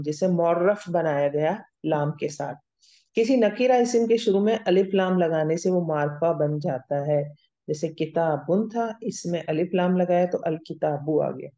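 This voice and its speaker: Female grammar lecturer, patient stepwise explainer, dark tone. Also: fairly low pitch. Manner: explains step by step, checks understanding with "theek hai?". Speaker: Arabic grammar teacher. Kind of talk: recorded classroom lecture. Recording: dull lo-fi audio.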